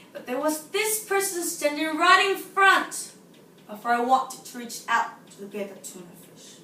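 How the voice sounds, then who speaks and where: A seventeen-year-old Nicaraguan woman performs a theatrical, audition-style stage monologue as a frustrated, self-absorbed, unhinged character, confiding dramatically and swinging between hushed and shouted lines. Her voice is high-pitched and heavily acted. The recording is roomy, with a distant mic and faint noise.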